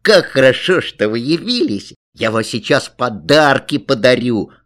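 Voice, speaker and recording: A man voicing an eager little boy in a children's story, shouting with joy. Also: mid-range voice, very animated, measured pace. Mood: excited. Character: excited little boy turning seven. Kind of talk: storybook reading.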